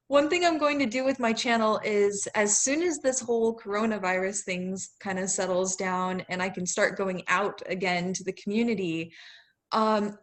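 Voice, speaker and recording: A woman hosting a conversational interview, agreeable and upbeat as she asks questions. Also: mid-range voice. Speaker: host.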